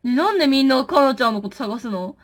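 A woman's voice: sits high, expressive, quick pace. A woman chatting playfully on a live stream, reading viewer comments and talking to her plush toys.

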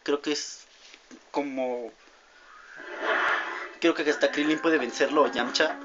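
A young man giving rambling gameplay commentary, easily distracted and yelling when things go wrong. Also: on the high side, steady tone, slow pace, very noisy. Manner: rambling, easily distracted, shouts at game mishaps. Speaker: gamer. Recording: dull lo-fi audio with loud game music.

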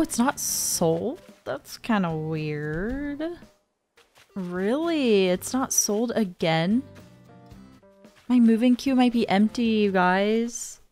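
Young woman chatting thru a cozy game, slow and easy, gets spooked easy, faint music under her. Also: fairly high pitch, darkish tone. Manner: chatty, easily spooked, gasps and giggles. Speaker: gaming streamer. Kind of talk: casual gameplay commentary. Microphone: studio dynamic mic.

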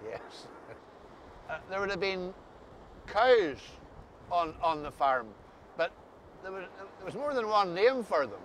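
A man's voice: high voice, very animated, slow, pauses often, fairly bright tone. A mature man with an Ulster Scots accent, interviewing in a casual, hesitant way and often repeating words. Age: middle-aged or older. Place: outdoors on a grassy coastal path by the sea. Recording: faint outdoor ambient noise.

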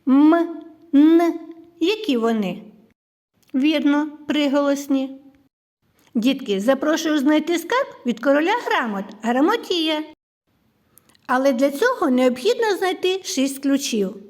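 Slow, high-voiced woman teaching children. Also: lively intonation. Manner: slow, clear, sing-song teaching voice. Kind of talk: children's literacy lesson.

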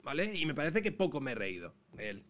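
Sarcastic ranting Madrid man, high voice. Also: sing-song, fast talker. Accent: Madrid Spanish. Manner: sarcastic, ranting, swings from loud to muttering. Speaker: streamer reacting to clips. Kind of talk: casual reaction commentary.

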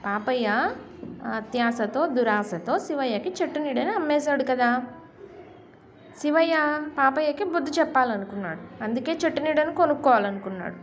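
A woman teacher telling a story to a class, going slowly and asking questions to explain words. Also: sits high, slight background noise. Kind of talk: storytelling lesson for children. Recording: dull lo-fi recording.

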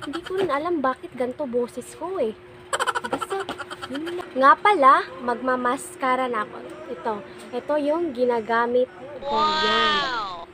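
Young woman vlogger, high small voice, slow and giggly, noisy room. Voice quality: small soft voice. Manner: giggly, laughs often. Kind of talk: casual chat.

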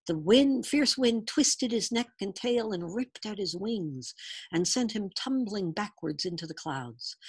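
Brief: woman storybook reader, husky voice, lively swooping pitch. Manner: expressive, animated storytelling. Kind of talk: picture-book read-aloud.

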